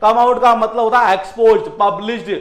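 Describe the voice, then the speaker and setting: High-voiced teacher in echoey room. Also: male voice, fairly even intonation, fairly quick. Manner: repetitive, explains with rhetorical questions. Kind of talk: exam-prep vocabulary lesson.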